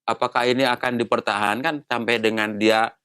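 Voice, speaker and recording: A man's voice: medium pitch, fairly even intonation, a little fast, bright, forceful tone, smooth, no room sound, studio quality. A man in his sixties, a retired navy admiral, explaining patiently in a casual interview and posing rhetorical questions. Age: 60s.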